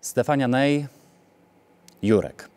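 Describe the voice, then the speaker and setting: A theatre actor reciting a poem with a grave, deliberate delivery. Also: male voice, mid-range voice, expressive, a little mellow. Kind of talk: dramatic poetry recitation.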